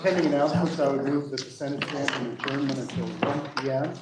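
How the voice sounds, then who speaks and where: A man's voice: medium pitch, fast. A man who serves as a state senator, making a formal motion on the floor and hesitating with fillers. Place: legislative chamber. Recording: distant mic, echoey and noisy.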